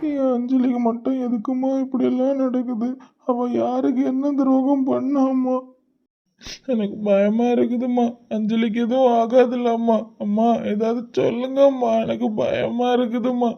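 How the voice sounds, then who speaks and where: A man voicing a young cartoon lover frantic with worry, pleading softly in a tearful Kanyakumari Tamil accent. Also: sits high, brisk. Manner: tearful, pleading, soft-spoken. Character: young man frantic with worry over his injured love. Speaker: cartoon character. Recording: dull lo-fi recording.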